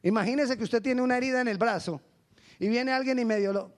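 A male pastor preaching a lively sermon, acting out little dialogues with humor. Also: very high-pitched, fast talker.

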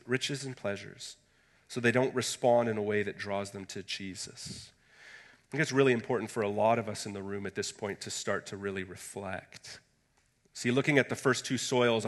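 A man's voice: medium pitch, a bit bright. A middle-aged male pastor preaching a sermon in a large church auditorium, building to emphatic bursts and dropping into joking asides. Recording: reverberant hall.

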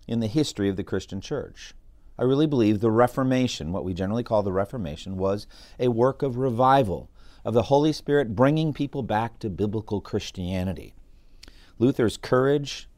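A man's voice: lowish voice, darkish tone, no room sound. A middle-aged man hosting a solo podcast on church history, talking in an earnest, preacherly way and lifting his voice for dramatic readings. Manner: earnest, preacherly, reads quoted passages with dramatic lift. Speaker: podcast host.

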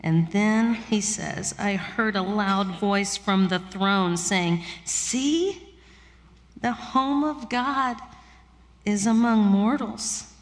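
A woman pastor giving a sermon, reading scripture slowly and reflectively with soft pauses. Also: mid-range voice, in a large hall.

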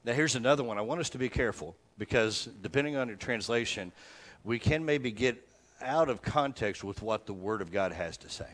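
A male pastor giving a sermon, reading verses slowly and repeating them with soft, falling emphasis, then talking plainly to the congregation. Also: mid-range voice, animated. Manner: slow repetitive scripture recitation, dropping soft; conversational teaching with sudden emphatic rises.

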